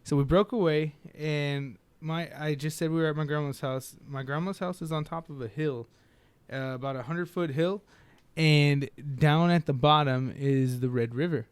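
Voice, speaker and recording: A man co-hosting a casual chat, who cuts in with quick questions and tells his own story in an easygoing way. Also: a little high, fairly even intonation, clean tone, no echo. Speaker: podcast co-host.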